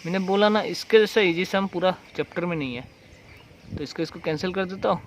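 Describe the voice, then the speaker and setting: A man's voice: high voice, fairly quick, slight background noise, low-quality recording. A man teaching a recorded math lesson, walking through each step and asking and answering his own questions. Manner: explains step by step, repeats questions and answers them himself.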